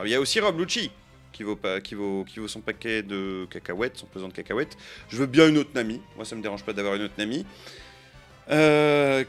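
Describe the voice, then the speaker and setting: A man's voice: on the low side, fairly bright tone. A man giving chatty, playful commentary while opening trading card boosters, counting out cards and joking with his viewers. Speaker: card-opening video creator.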